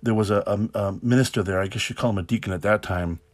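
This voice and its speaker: Guy with a lowish voice doing a chatty podcast sermon, keeps restarting sentences, chuckles a lot. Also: steady tone, fast. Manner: rambling, self-correcting, chuckles often. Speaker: preacher hosting a podcast.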